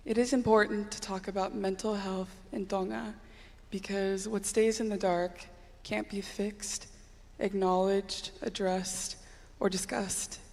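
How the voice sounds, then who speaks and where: Even-toned woman speaking in a reverberant hall. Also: medium pitch, gravelly. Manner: exhortative, listing points in measured phrases. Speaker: pageant contestant. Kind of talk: earnest public answer on stage.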